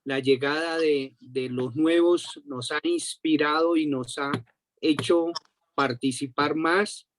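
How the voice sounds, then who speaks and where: A man wrapping up a group meeting with slow, encouraging, slightly hesitant remarks. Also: fairly high pitch, fairly even intonation. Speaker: meeting facilitator.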